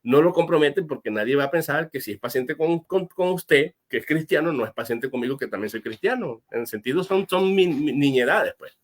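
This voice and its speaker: A pastor explaining a Bible question as an interview guest, earnest and step by step, with frequent fillers and restarts. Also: male voice, a little high, animated, fairly quick, hardly any pauses. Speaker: guest answering viewer questions.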